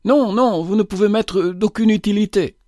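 A young lady speaks firmly and earnestly, her pitch lifted above a man's reading voice, as a male narrator puts her on. It is a storybook audiobook. The sound is dry and close to the mic. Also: normal speed, a little mellow, dry recording, lightly acted. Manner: firm and earnest. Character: firm, compassionate young lady rescuer.

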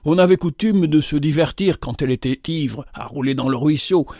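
A man reading an audiobook as narrator in a measured way, with rare hesitations. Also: on the high side, darkish tone, no room sound, clean studio sound.

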